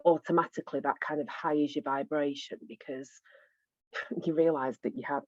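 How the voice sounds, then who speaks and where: A woman's voice: low-pitched, fairly even intonation, moderate pace, a little mellow, no room sound. Tinny-sounding woman in a wardrobe. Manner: chatty, friendly, thinks aloud. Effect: tinny, boxed-in sound. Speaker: podcast co-host. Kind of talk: casual podcast chat. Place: inside a clothes wardrobe. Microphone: no proper microphone. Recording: tinny, dull, dry home recording.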